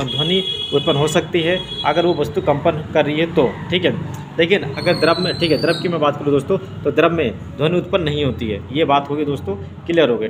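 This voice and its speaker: A man teaching a science demonstration lesson, explaining step by step and filling pauses with "okay" and "friends". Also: fairly high pitch, background noise. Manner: repeats "theek hai" and "doston" often.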